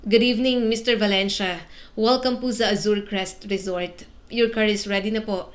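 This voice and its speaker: A woman's voice: mid-range voice, fairly even intonation, moderate pace, natural voice. A woman voicing a courteous resort staff member who greets a guest in a story. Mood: polite. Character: polite, cheerful female resort staff member.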